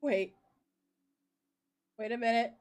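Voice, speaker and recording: A woman streaming a game, chatting excitedly with her audience, swearing, laughing and stumbling over repeated words, with faint game music behind. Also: fairly high pitch, takes it slowly. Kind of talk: casual live-stream chat.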